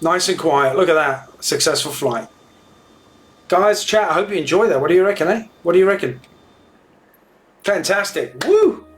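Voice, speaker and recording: Matey man livestreaming, slightly high voice. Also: normal speed, long pauses, fairly bright tone. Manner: matey, informal. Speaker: live streamer flying a flight simulator. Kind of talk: casual livestream chat.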